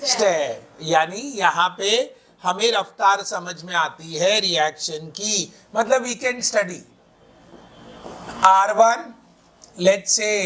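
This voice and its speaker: A man's voice: high-pitched, pushed and bright. A man teaching chemistry in a classroom lecture, quizzing students with repeated questions and mixing in playful breakup jokes.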